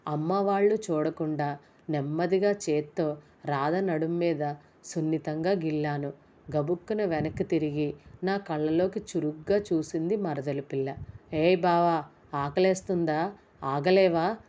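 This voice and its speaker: Low, mellow woman reading a story. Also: normal speed. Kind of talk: scripted story narration.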